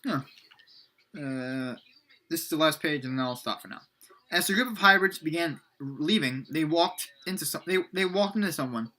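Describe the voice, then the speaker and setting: A man's voice: fairly high pitch, normal speed, bright, forceful tone. A man casually reading his own book aloud, stumbling, correcting himself and adding chatty asides.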